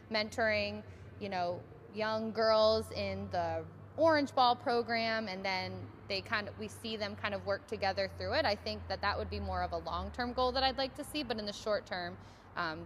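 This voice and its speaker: A woman's voice: mid-range voice, a bit bright. A young woman in her twenties talks casually as a tennis coach, scattering ums and you-knows through her answers. Her voice sits in a middle register, with faint noise behind it. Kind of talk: interview answers.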